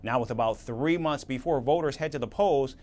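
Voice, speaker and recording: A man anchoring a news report, reading a script in a measured, even-toned way. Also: medium pitch.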